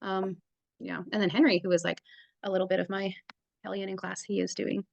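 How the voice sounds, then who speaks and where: On a video call for a relaxed mentor meeting, this woman, a native English speaker who teaches kindergarten, rambles with plenty of fillers. She speaks a little fast in a mid-range, level, creaky voice; the recording is dry and the audio dull.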